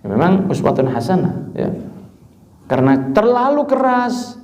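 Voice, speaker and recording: A man preaching a religious study sermon, explaining verses word by word with lively asides. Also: sits high, normal speed. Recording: roomy, dull lo-fi recording.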